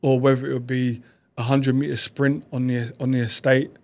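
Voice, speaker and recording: Animated man telling stories. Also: medium pitch. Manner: animated, quick bursts with trailing restarts. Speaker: podcast guest. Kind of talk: reflective conversational storytelling.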